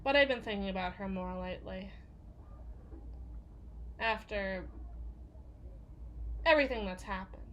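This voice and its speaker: In an intimate ASMR roleplay, a woman voices a jaded, foul-mouthed bodyguard confiding in her partner, speaking haltingly and often dropping into whispers. Her mid-range voice carries a slight hiss or hum, and the acting is light. The mood is earnest.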